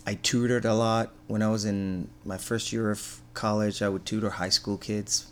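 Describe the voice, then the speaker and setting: A man's voice: fairly low pitch, moderate pace, a little hiss or hum. Rambling man from Argentina. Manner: relaxed, rambling, many fillers and restarts. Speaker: business owner and interview guest. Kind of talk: casual interview answers.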